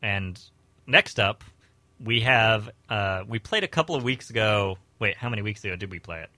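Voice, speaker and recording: A man hosting a casual radio show in a halting, word-searching way. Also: fairly low pitch, animated, sharp tone, no echo. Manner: hesitant, searching for words. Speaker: radio host. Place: dry radio studio.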